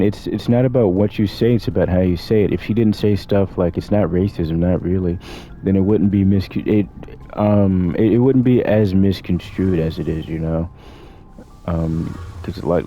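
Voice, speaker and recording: Very deep, dark-voiced male game commentator. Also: slight background noise. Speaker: video game streamer.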